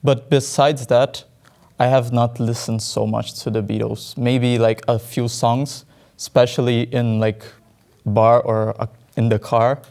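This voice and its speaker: Young man, from Brazil, hesitant, monotone, clear voice. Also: mid-range voice. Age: young adult. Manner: hesitant, searching for words. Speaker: interviewee. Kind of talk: casual chat.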